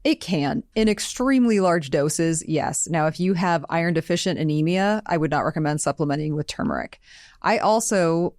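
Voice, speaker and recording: On a health Q&A podcast, an American nutritional therapy practitioner co-hosts with a chatty, explanatory, conversational manner. Her low-pitched, darkish voice has lively intonation and a moderate pace, captured with studio quality and no echo.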